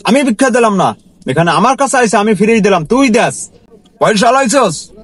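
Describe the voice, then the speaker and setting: A man's voice: high-pitched, very animated, normal speed, husky, pitched above the performer's own voice, exaggerated voice. A man playing an arrogant rich boss berating his driver. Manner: contemptuous, berating, shouting taunts.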